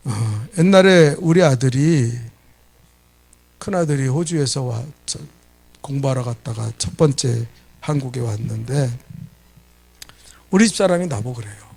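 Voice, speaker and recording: A middle-aged man preaching a sermon as pastor, animated, putting questions to his congregation. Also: mid-range voice, unhurried, gravelly, pauses often, breathy edge. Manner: animated preaching, asks the congregation questions and acts out quoted scolding.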